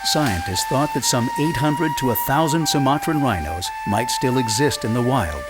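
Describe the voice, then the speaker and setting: A man reading scripted nature documentary narration in a measured, dramatic storytelling way. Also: mid-range voice, lively intonation. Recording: loud music under the voice.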